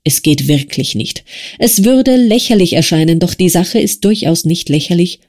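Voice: mid-range voice, animated, moderate pace, a little mellow. A reader voicing a frail young man who pleads in a strained, rising voice in an audiobook. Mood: earnest. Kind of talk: audiobook character voice.

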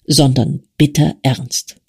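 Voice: medium pitch, flat delivery, takes it slowly, husky. A reader voicing a frail young man who pleads in a strained, rising voice in an audiobook. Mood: earnest. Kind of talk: audiobook character voice.

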